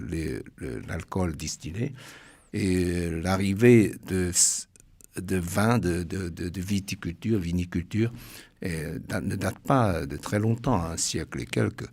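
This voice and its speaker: A Chinese man speaking French with a Chinese accent is a guest author on a radio interview, talking haltingly and restarting often. His voice sits low and sounds a little mellow.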